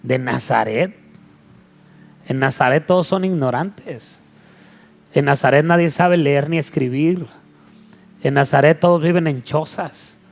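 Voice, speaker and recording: A man's voice: a little high, unhurried, creaky, long pauses. A man voicing a scoffing, skeptical young man from a Gospel story, speaking in a mocking and dismissive way. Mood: scornful.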